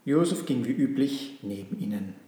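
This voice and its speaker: A man narrating a Christmas storybook in a calm, measured way. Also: medium pitch. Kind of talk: storybook reading. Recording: echoey room.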